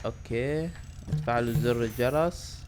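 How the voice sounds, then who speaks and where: A man in his twenties with a Levantine Arabic accent, doing excitable let's-play commentary for his channel, swinging between loud outbursts and low muttering. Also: normal speed. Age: 20s. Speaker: gaming YouTuber. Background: loud game music.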